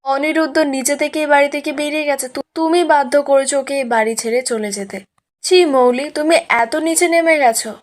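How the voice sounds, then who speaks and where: A woman's voice: high voice, normal speed, close to an everyday voice. A woman voicing an angry mother scolding her grown daughter, in a spoken serial recap.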